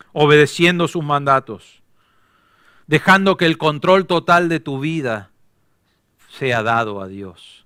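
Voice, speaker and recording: High, bright-voiced Argentine preacher. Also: male voice, clear, resonant tone, dry recording, clean studio sound. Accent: Argentine Spanish. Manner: emphatic, asks the congregation rhetorical questions. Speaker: pastor. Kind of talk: sermon.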